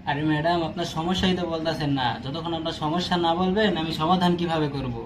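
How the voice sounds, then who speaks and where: A man's voice: on the high side, steady tone, fast, background noise. A man playing an exasperated doctor in a comedy sketch, pleading with and snapping at his patient.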